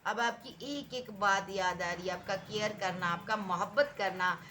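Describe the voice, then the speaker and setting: Bright-voiced woman giving a tarot reading. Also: mid-range voice, unhurried, a little hiss or hum. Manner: emphatic, repetitive, addresses the viewer directly. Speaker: tarot reader.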